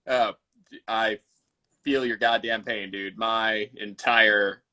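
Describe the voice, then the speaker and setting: Bright-voiced man laughing on a podcast. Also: fairly low pitch, steady tone, takes it slowly. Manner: laughs often, playful, swears casually. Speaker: podcast co-host. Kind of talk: casual chat.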